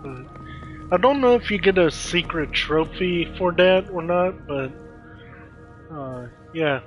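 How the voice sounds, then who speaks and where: A man's voice: sits high, expressive, slow, dull audio, music in the background. A man casually commenting while playing a video game, rambling and snacking as he talks. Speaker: streamer.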